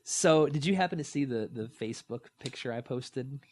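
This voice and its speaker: A man in his thirties, medium-pitched and moving at a moderate pace, shares stories as a podcast co-host in casual conversation. He acts out the quotes with animated storytelling.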